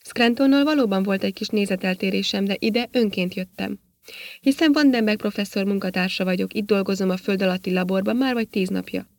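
A woman's voice: medium pitch, dry recording, natural voice. A woman reading the lines of a bitter, stubborn male astronaut in an audiobook, with a defiant delivery.

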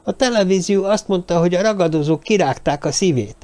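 A man's voice: high-pitched, a little mellow, voice pushed up, lightly acted. A man voicing an eager, self-important dwarf who spreads news. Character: young dwarf man, know-it-all and gossipy.

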